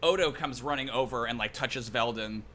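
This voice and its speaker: A man running a tabletop game as game master, casual and animated, laughing often and narrating with lots of fillers. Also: mid-range voice, moderate pace, slight background noise.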